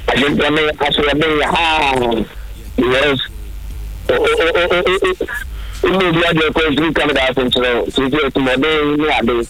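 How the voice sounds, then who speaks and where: Man, radio caller, bright sharp voice, repeats himself, faint phone noise. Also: fairly high pitch, moderate pace, low-quality recording. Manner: repetitive, broken English.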